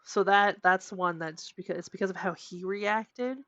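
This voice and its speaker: A young adult woman co-hosting a podcast, telling a spooky personal story in a casual, animated way with lots of "like" and swearing. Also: mid-range voice, normal speed, dry recording. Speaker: podcast co-host. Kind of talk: casual chat. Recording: dry, dull lo-fi podcast audio.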